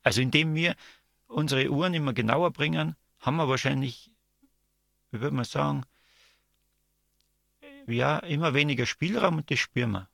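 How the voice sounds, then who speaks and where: A man answering interview questions in a thoughtful, halting way, searching for his words. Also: on the high side, creaky, a bit bright, no room sound, studio quality. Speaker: interview guest, artist. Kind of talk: reflective interview talk.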